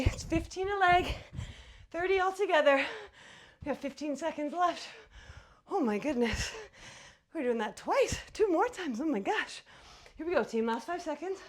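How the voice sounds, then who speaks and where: High voiced woman fitness coach, puffing from the workout, hyping everyone up and counting down. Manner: upbeat, encouraging, urging cheerleader-like pep talk. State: out of breath from exercising. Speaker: fitness instructor.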